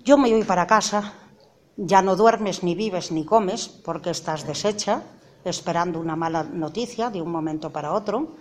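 A woman's voice: on the low side, normal speed, darkish tone. A middle-aged mother giving an emotional personal testimony, earnest, acting out the dialogue and rising to indignant outbursts.

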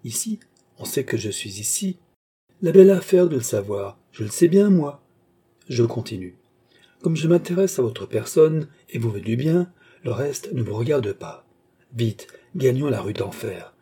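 Brief: mysterious nobleman in an audiobook, read by a man, suave and teasing, raised and emphatic, mellow and a little husky. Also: medium pitch, expressive, a little slow. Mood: teasing, urgent. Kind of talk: audiobook character reading.

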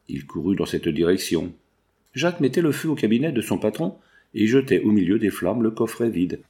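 A man reading a nineteenth-century novel aloud in measured, dramatic narration. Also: on the low side, dark tone. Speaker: audiobook reader. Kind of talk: scripted narration.

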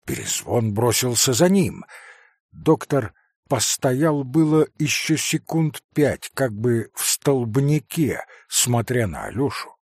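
Casting: male audiobook narrator, husky, lively dramatic reading, dry close mic. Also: medium pitch, slow pace, no room sound. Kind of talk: expressive literary narration.

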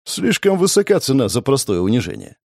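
A man's voice: mid-range voice, huge pitch swings, a little fast, vocal fry, a little mellow, dry recording, studio quality. Man reading a fantasy audiobook. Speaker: audiobook narrator. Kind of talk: first-person audiobook narration.

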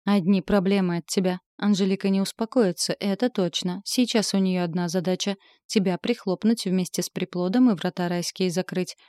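A woman's voice: on the low side, steady tone, a little fast, few pauses, mellow, no room sound, studio quality, natural voice. A woman reading the part of a scornful male demon knight in a storybook, speaking in a sneering, taunting way. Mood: mocking.

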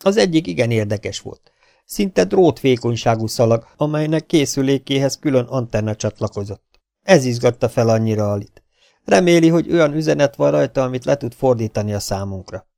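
A man's voice: medium pitch, vocal fry, dark tone, no room sound, clean studio sound. A man reading a science fiction audiobook aloud, lifting his voice to act out each character's quoted lines. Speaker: audiobook reader.

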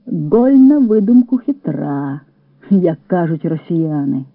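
A man's voice: sits high, a little fast, no echo. A man reading the part of a joking Latvian partisan in a teasing, light tone, heard over a tinny radio recording.

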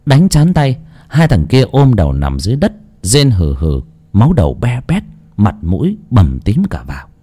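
A man narrating a dark folk story in a dramatic, animated way. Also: fairly low pitch, normal speed, slightly rough.

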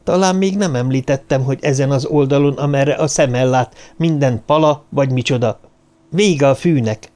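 A man's voice: medium pitch, warm tone, voice pushed up, lightly acted. A man voicing a frantic adult man leading a search at night, urgent and commanding. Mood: exasperated.

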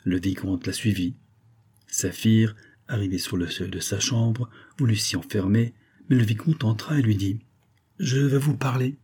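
A man narrating a classic novel as an audiobook in a measured, even reading. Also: lowish voice, husky.

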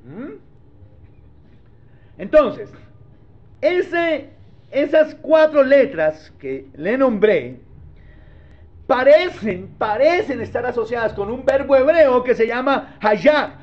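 A pastor teaches his congregation in a very high voice. He keeps stopping to ask whether they follow. The recording sounds dull and lo-fi. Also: sing-song, takes it slowly, long pauses. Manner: conversational, keeps checking in with the congregation. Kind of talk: teaching sermon.

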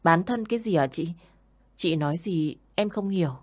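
A woman's voice: lowish voice, moderate pace, darkish tone, lightly acted. A woman voicing a polite, naive young woman. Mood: confused.

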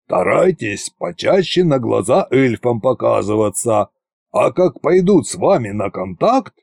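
A man voicing a bossy, scheming old male tsar in an audiobook, slow and commanding in a folksy way. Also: mid-range voice, sing-song, vocal fry, darkish tone, dry recording, studio quality, pitched above the performer's own voice, heavily acted. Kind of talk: audiobook character reading.

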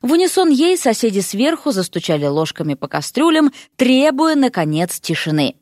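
A woman narrating a comic fantasy story with lively, expressive reading. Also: fairly high pitch, moderate pace, no room sound, clean studio sound. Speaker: audiobook narrator.

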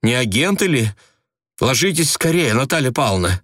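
A man doing a shrill, hysterical young woman. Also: normal speed, fairly bright tone, no echo, clean studio sound, close to an everyday voice. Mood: agitated. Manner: shrieking, frantic.

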